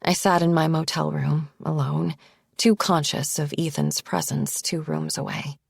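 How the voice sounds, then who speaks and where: A woman narrating a first-person thriller audiobook in a quiet, measured way. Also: deep voice, lively intonation, gravelly, husky, dry recording, clean studio sound.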